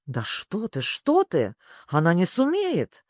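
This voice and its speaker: A storybook reader voicing a fussy, excitable male griffin who grumbles. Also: medium pitch, takes it slowly, no room sound, clean studio sound, exaggerated voice.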